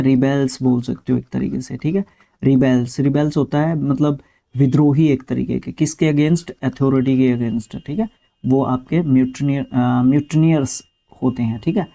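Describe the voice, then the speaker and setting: Male, middle-aged, Indian English accent, warm low-key teacher tone, repetitive explaining. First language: Hindi. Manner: steady explaining tone, repeats each word several times with frequent "theek hai". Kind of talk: online vocabulary lesson.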